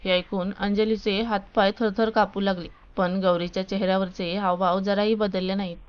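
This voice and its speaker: A woman narrating a story with a smooth, clear voice and a steady reading pace. The recording sounds dull and slightly lo-fi. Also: medium pitch, moderate pace.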